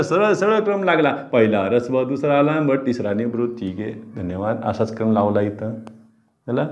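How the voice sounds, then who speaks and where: A man teaching a pronunciation lesson, repeating words aloud slowly, stretching out sounds and answering his own questions. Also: mid-range voice. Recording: slightly dull lo-fi sound.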